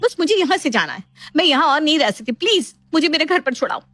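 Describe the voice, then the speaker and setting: An exasperated young wife in a cartoon story, answering back sharply in a fairly high voice, as a woman narrator plays her. The recording is dry and close. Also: animated, fast, a bit bright, no echo. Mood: insistent.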